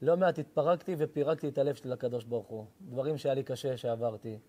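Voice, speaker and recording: A man in his forties, a rabbi preaching an emotional sermon, swinging from quiet confession to pleading cries. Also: medium pitch. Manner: impassioned, rising to pleading cries.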